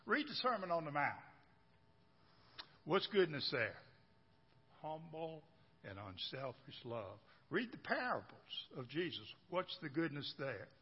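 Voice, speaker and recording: Husky-voiced preacher in a church hall. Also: male voice, a little high, big pitch swings, measured pace, pauses often. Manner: folksy, repeats phrases, asks the crowd questions. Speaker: pastor. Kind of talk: sermon. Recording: dull, echoey church hall recording.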